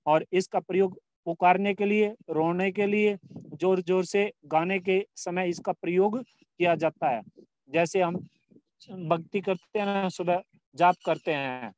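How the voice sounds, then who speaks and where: A man's voice: high-pitched, unhurried, darkish tone, no echo, lo-fi sound. A male Hindi grammar teacher in a recorded school lesson, who asks questions and answers them himself, repeats phrases and draws out vowel sounds as examples. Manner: repeats phrases, restarts often.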